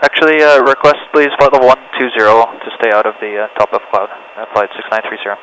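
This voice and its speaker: A pilot over the radio, a man making brisk calls to the controller with small hesitations between phrases. The transmission sounds far off and is laced with steady hiss. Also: mid-range voice. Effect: pilot heard over the radio. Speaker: airline pilot. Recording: noisy, distant radio transmission.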